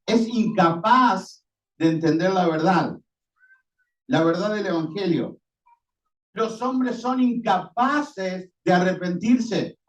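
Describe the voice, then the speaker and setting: A man preaching a sermon, emphatic, asking rhetorical questions and answering them himself. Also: high voice. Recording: echoey, distant, dull lo-fi sound.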